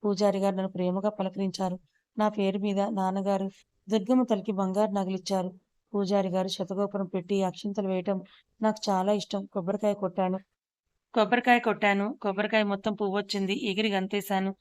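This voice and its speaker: A woman narrating a first-person audio story in an even, measured way. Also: mid-range voice, clean tone, no room sound, clean studio sound.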